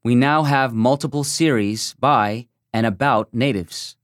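Dry, measured male essay narrator. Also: medium pitch, dry recording. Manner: measured, reflective first-person reading. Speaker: essay reader. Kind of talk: scripted narration of a magazine essay.

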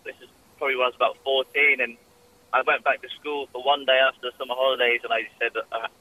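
Chatty Welsh guy, bright edgy voice. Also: medium pitch, flat delivery, quick pace, dry recording, low-quality recording. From Wales. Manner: chatty, many fillers and restarts. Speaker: jockey guest. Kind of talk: casual interview, phone-in.

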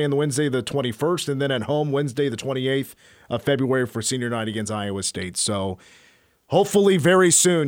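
A man's voice: medium pitch, no echo, studio quality. An American man hosting sports radio, switching between casual talk and punchy promo reads. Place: radio studio. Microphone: close studio mic.

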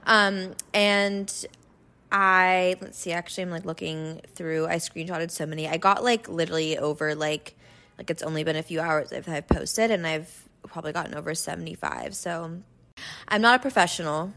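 Woman, mid-20s, podcast host, a little hoarse, low-ish voice, casual filler-heavy delivery. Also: fairly even intonation, normal speed, bright, forceful tone. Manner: rambling, lots of likes and ums. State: hoarse from being sick. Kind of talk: casual chat, advice podcast.

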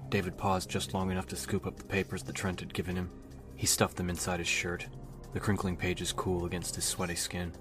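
Very flat, deep-voiced male narrator. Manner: steady, even storytelling. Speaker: audiobook narrator. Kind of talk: reading a novel aloud. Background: music.

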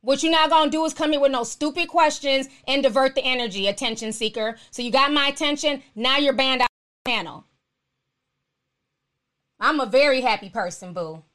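A very high-pitched woman talks casually as host of her own live stream. She is sassy and outspoken, answering commenters bluntly and with plenty of slang. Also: fairly quick, fairly bright tone.

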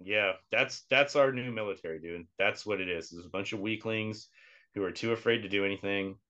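A man's voice: fairly low pitch, fairly quick, pushed and bright, highs cut off. A man co-hosting a podcast in casual chat, blunt and profane, laughing often. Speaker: podcast co-host.

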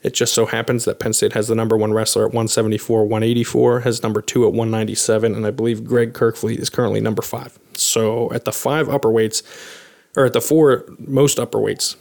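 A man's voice: on the low side, flat delivery, fairly quick, creaky, a little mellow. A man co-hosting a sports podcast, breaking down results analytically with frequent "um" and "you know" fillers. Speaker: podcast co-host.

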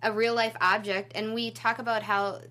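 A woman's voice: on the high side, flat delivery, normal speed, bright, forceful tone. A woman co-hosting a podcast, chatting casually and reacting with feeling. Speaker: podcast co-host. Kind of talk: casual chat.

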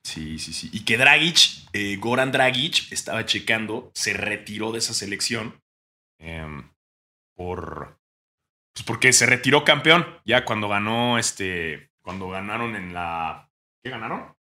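A young Mexican man co-hosting a casual podcast chat, joking and now and then breaking into mock shouting. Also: fairly low pitch, animated, measured pace. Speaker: podcast co-host.

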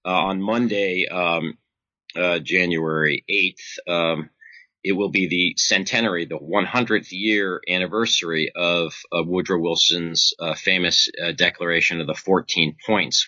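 Deep, sharp-voiced man explaining haltingly. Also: no room sound, muffled recording. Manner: halting, scholarly, measured. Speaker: interviewed author and foreign policy scholar. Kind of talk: interview answer, explanatory.

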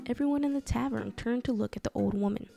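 A woman reading a dark folk tale aloud in a measured, dramatic storytelling style. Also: fairly high pitch, creaky. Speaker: narrator. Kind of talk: scripted storytelling narration. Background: soft music.

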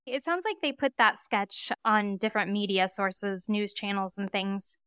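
A woman co-hosting a true crime podcast, retelling a case in an animated, casual way and acting out quoted witnesses. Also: medium pitch, moderate pace, clear, resonant tone, dry recording, clean studio sound. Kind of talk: casual storytelling.

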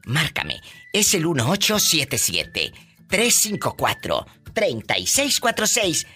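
A man hosting a radio call-in show, teasing callers with flamboyant, quick jokes. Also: on the high side, huge pitch swings, bright, forceful tone, faint music behind. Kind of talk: playful radio call-in banter.

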